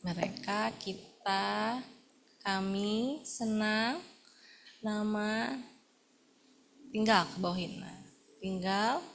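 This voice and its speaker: A woman's voice: medium pitch, drawn-out words, vocal fry, pauses often, a little hiss or hum. A woman, leading a sign language workshop and calling out words one by one for participants to practice. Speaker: workshop facilitator.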